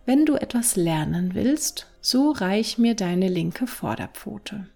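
A woman voicing a crafty wandering male fiddler in a storybook, calm and commanding with a gravelly edge. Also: mid-range voice, takes it slowly, soft background music, full character voice.

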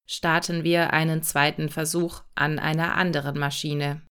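A woman voicing a calm, patient male factory robot who explains things in an instructive way. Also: low-pitched, moderate pace, clean tone, pitched below the performer's own voice.

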